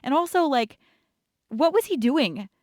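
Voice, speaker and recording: A woman's voice: high-pitched, very animated, unhurried, a little mellow, no room sound, studio quality. A young woman casually telling rambling childhood stories while sketching, laughing often. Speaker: art channel host.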